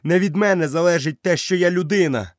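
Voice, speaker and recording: A man voicing a fierce young boy raised by wolves, shouting in a high, defiant voice. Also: lively intonation, moderate pace, no echo, studio quality, close to an everyday voice. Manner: high, loud, defiant cries.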